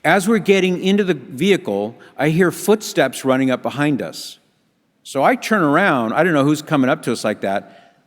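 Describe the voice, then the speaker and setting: A man's voice: on the high side, animated, moderate pace. Storytelling man in a reverberant hall. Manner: humorous, acts out quoted voices. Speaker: conference speaker. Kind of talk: storytelling talk.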